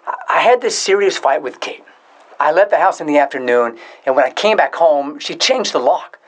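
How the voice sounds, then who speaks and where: Troubled, awkward guy needing a favour male actor, slightly high voice, hesitant, clearly articulated scripted delivery. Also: lively intonation, normal speed. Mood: troubled, sheepish. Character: awkward, troubled man sheepishly asking a friend for help. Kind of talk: scripted dialogue acting.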